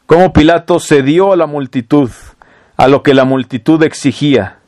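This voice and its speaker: A man's voice: a little high, moderate pace, darkish tone, no echo. A man preaching a sermon, reading scripture aloud and explaining it with rhetorical questions. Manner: reads verses then explains with rhetorical questions.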